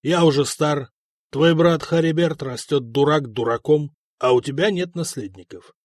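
A man's voice: on the high side, normal speed, dry recording, studio quality, close to an everyday voice. A man voicing an old grey-haired king who speaks in a blunt, commanding, scornful way. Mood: stern, commanding.

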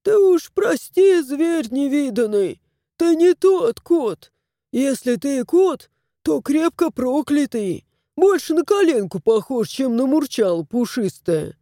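A fussy old house-spirit grandpa from a storybook, folksy and given to exclamations, as a woman reads him. The voice pitches high and swings widely, sliding up and down. It is unhurried and dry. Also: big pitch swings, dark tone, no echo, heavily acted. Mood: grumbling. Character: old male house spirit, fretful and sentimental. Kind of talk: audiobook character voice.

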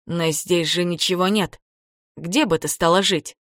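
A wistful young man who speaks in a quiet, restrained way, as a woman reader puts him on. The voice stays fairly low. The sound is dry and close. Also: fairly even intonation, measured pace, no echo. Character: young man, the wistful first-person hero.

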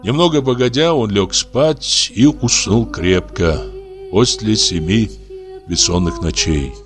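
A man narrating a classic story in a calm, measured audiobook reading. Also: lowish voice, husky, soft background music.

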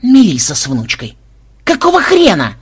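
A man voicing an excitable young male programmer who shouts his lines in an audiobook. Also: mid-range voice, moderate pace, husky. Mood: alarmed.

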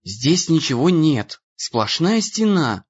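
A man's voice: a little high, sing-song, slow pace, husky, highs cut off, exaggerated voice. A man voicing a frightened teenage girl who pleads in strained cries in an audiobook. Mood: pleading, scared. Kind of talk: audiobook character voice.

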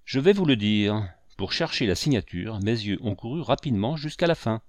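A man's voice: lowish voice, expressive, moderate pace, no echo, studio quality, close to an everyday voice. A man voicing a tense young schoolmaster in an audiobook, polite and guarded. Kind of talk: audiobook character voice.

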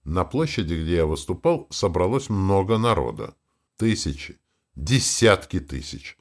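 A male audiobook narrator with a low voice that rises and falls widely. He reads first-person prose in an expressive storytelling manner. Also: unhurried.

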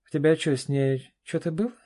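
Guy doing a rowdy teasing buddy, higher voice, loud and disbelieving. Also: a little fast, close to an everyday voice. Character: mocking, blunt middle-aged male drinking buddy.

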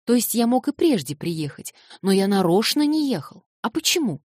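A woman reading an audiobook and voicing an eager, flustered young man who excitedly protests his innocence. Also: mid-range voice, normal speed, dry recording, clean studio sound, voice pushed up. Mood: excited pleading.

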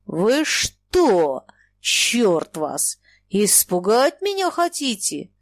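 A woman's voice: medium pitch, very animated, extremely slow, dry recording, heavily acted. A woman voicing an irritable, ailing old male merchant who answers in blunt, scornful retorts. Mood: angry.

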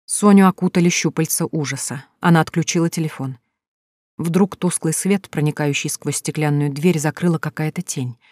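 Thriller audiobook reader, measured and tense, dry close recording, mid pitch. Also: a little mellow, no echo.

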